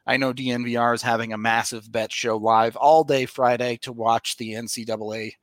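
A man hosting a sports podcast rattles off a fast legal disclaimer in short, clipped phrases. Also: medium pitch, flat delivery, no echo.

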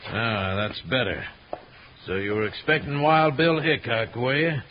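An actor playing a cold-blooded outlaw in a radio Western, threatening and gloating in an American Western accent. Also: male voice, mid-range voice, lively intonation, unhurried, lightly acted. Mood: gloating menace. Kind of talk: 1950s radio Western acting. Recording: dull old radio recording, faint noise.

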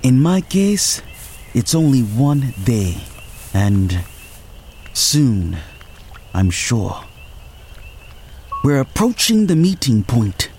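A man's voice: mid-range voice, very animated, very slow, long pauses, a little mellow, slight background noise, full character voice. An actor playing a fussy, formal man fleeing on foot at night, speaking in precise, proper phrases. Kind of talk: audio drama acting.

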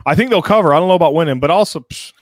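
A man with a fairly high voice talks sports as a podcast guest. He is informal and enthusiastic, and the recording is close and dry. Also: rapid-fire, dry recording. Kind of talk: casual sports talk. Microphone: close mic on remote video call.

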